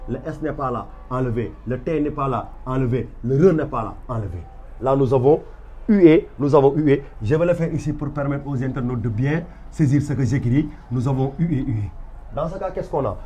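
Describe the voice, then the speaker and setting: A man's voice: mid-range voice, warm tone, a little hiss or hum. A man with a Senegalese French accent teaching a literature lecture, walking students through examples step by step and stressing each point over and over. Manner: emphatic and repetitive, stepping through examples.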